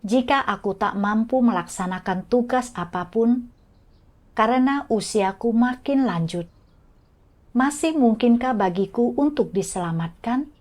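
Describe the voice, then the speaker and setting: A woman narrating a devotional testimony, her voice sitting a touch high. She reads at an unhurried, deliberate pace, evenly and carefully, as scripted narration. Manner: slow, measured, even reading. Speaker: reader of faith testimonies.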